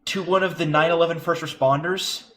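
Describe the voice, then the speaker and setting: A man's voice: on the high side, fairly even intonation, a little fast, fairly bright tone. A man talking casually in a group chat, on a noisy recording with clicks.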